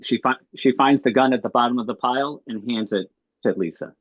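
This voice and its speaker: A man's voice: mid-range voice, fairly quick, no echo, narrow, tinny audio. A man reading stage directions in a matter-of-fact way, over a video call.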